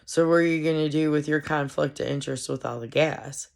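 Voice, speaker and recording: A woman with a congested, stuffed-up voice rambles through a casual solo commentary, halting and meandering with many fillers. Her voice sits low and steady, with vocal fry.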